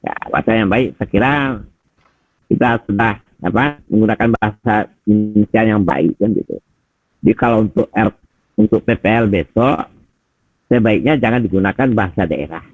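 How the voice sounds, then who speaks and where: A husky, lowish male voice at a moderate pace comes through tinny video call audio in a dry recording. He's a middle-aged teacher trainer giving conversational feedback, addressing Pak and Bapak Ibu and posing frequent rhetorical questions.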